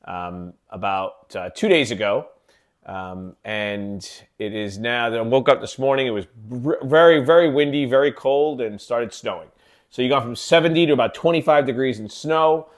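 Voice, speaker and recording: Upbeat rambling man podcasting solo. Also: medium pitch. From living in Kansas City. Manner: rambling, many fillers and restarts. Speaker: podcast host. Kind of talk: casual solo podcast talk.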